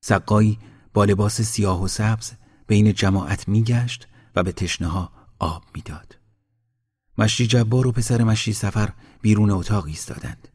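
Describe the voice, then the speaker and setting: A man narrating a story in a measured, steady reading. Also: lowish voice, breathy edge.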